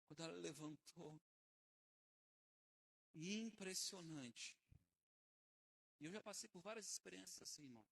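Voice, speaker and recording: A man preaching a sermon, emphatic, swinging between hushed and loud passages. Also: sits high, measured pace, vocal fry, pauses often, breathy edge, no echo, poor audio.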